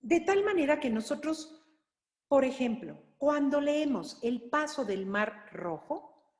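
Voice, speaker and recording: A woman teaching an online Bible course, explaining scripture slowly with many fillers and restarts. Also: high voice, lively intonation, darkish tone. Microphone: online class recording. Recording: roomy reverberant online class audio.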